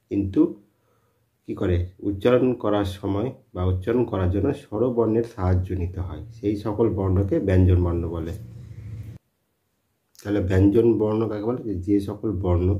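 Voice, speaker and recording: A man's voice: deep voice, mellow. A man teaching a spoken lesson, who repeats his points and answers his own questions. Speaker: English teacher. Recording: dull lo-fi sound.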